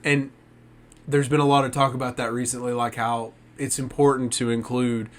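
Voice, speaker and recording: A man co-hosting a casual podcast, talking in a relaxed, agreeable way. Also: mid-range voice, moderate pace, slight background noise. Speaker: podcast co-host. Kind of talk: casual chat.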